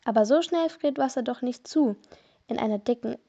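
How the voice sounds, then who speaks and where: A woman's voice: a little high, moderate pace, creaky, mellow, husky. A woman voicing an eager teenage girl detective in a read-aloud story, on a dull lo-fi recording.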